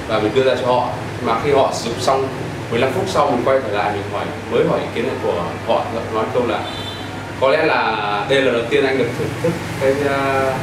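A man in his thirties, a cafe owner, answering interview questions earnestly with many hesitant fillers, inside a small cafe. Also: medium pitch. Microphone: far camera. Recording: echoey room, from far off, noisy.

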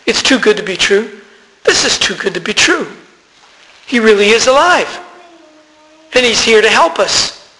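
A man's voice: high voice, sing-song, a little slow, long pauses, sharp tone, big-room sound, rough recording. A man preaching a sermon in a conversational way, calling out to the congregation for responses. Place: church sanctuary.

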